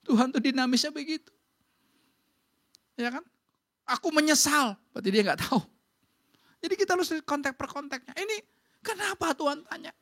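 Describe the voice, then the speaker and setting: Woman pastor, chatty sermon delivery, higher voice. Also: brisk, long pauses. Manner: lively, colloquial preaching with acted-out quotes. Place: church.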